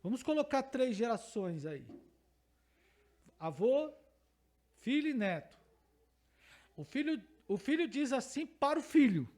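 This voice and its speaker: A man's voice: extremely high pitch, very animated, a little slow, pauses often, a little mellow. A male pastor with a Brazilian Portuguese accent, giving a teaching sermon to a congregation, emphatic and repeating key phrases while asking the listeners questions.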